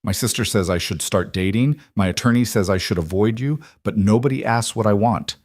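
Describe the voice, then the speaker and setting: A man voicing a weary, grieving young widow in a storybook reading, in his own low, dry voice. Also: brisk, darkish tone, no room sound, close to an everyday voice. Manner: tired, pleading.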